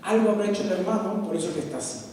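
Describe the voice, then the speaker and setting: A man from Peru, preaching a sermon, swinging between loud emphasis and soft asides. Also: high voice, rapid-fire. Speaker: pastor. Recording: echoey hall, from far off.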